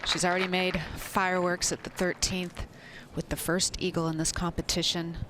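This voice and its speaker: A man giving live golf tournament commentary in a measured, analytical way. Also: sits high, level tone, pushed and bright. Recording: crowd and outdoor noise behind. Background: spectators and outdoor course ambience.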